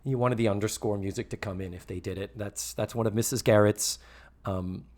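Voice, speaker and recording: A man's voice: on the low side, steady tone, brisk, darkish tone. A man hosting a casual podcast, chatty and acting out quoted lines from an old sitcom. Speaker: podcast host.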